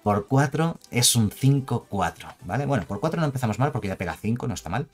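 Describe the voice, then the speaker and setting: A man's voice: medium pitch, animated, quick pace, soft background music. A man with a Spain Spanish accent giving a chatty, emphatic card game review, with jokes and asides. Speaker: card game video creator. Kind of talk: casual card review commentary.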